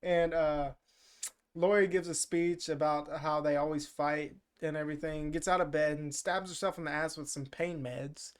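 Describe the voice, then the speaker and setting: A man's voice: fairly high pitch, fairly even intonation, normal speed, smooth. A man co-hosting a podcast, recapping a movie in loose, jokey, profane chat full of "uh" and "like". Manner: rambling, filler-heavy, profane, jokey. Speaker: podcast co-host.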